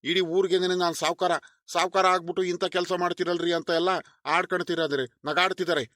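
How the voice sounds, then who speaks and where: A man's voice: high-pitched, level tone, a little fast, fairly bright tone, no room sound, clean studio sound. A man voicing a proud, grumpy middle-aged village landlord, given to scolding and grumbling. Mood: humiliated, brooding.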